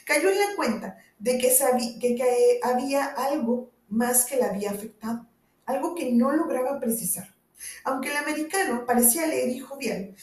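A woman narrating a novel in a steady, measured way, with a few small slips, in a roomy recording from a distant mic. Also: a little high. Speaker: audiobook narrator. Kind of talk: scripted narration.

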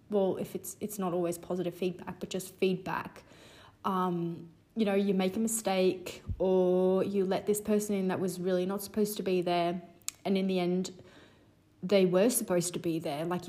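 A woman in her twenties hosting a solo podcast, talking in an earnest, rambling way with lots of fillers, a little stuffy from a cold. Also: medium pitch. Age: 20s. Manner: warm, earnest, rambling with many "you know" fillers. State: slightly congested, recovering from a cold. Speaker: podcast host. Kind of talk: casual solo podcast talk.

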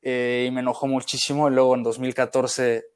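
A young man with a Mexican accent talks casually as a podcast co-host. He often circles back and restarts his thoughts. His voice is smooth and clear at an average pitch. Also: flat delivery, a little fast. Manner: rambling and reflective, with frequent restarts. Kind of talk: casual chat.

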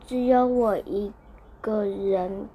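A woman's voice: medium pitch, fairly even intonation, slow pace, dark tone, a little hiss or hum. A woman voicing a young boy hooked on phone games in a storybook, offhand and dismissive.

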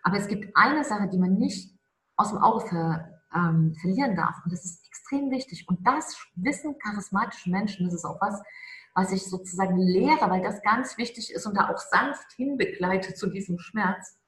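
A woman speaks as a charisma coach in an interview, stressing her points and slowing down on the words that matter. Her voice sits at an ordinary pitch. The room gives her a noticeable echo. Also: animated. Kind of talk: conversational interview.

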